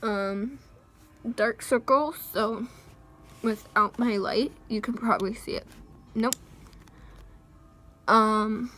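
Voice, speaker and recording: Slow-talking woman vlogger, hesitant. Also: fairly high pitch, bright, forceful tone. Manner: hesitant, many pauses and ums. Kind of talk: casual talk to camera.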